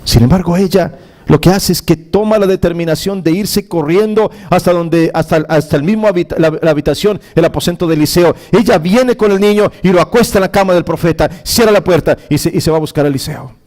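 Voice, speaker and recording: A male pastor retelling a scripture story in a sermon, dramatic, with exclamations and frequent halting restarts. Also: sits high, darkish tone.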